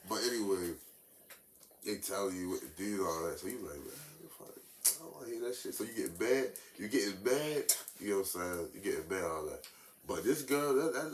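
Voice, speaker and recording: A man's voice: deep voice, far from the mic. A man telling a couple's birth story in casual, rambling chat, often repeating "you know what I'm saying". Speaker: co-host of a couple's channel. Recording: roomy and off-mic with faint noise.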